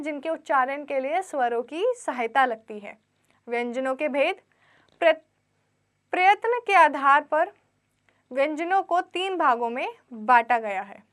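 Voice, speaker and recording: A woman's voice: high-pitched, fairly bright tone. A woman teacher giving a grammar lesson to children, reading textbook lines and then re-explaining them simply, asking quiz questions and answering them herself. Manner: drawn-out letter recitation.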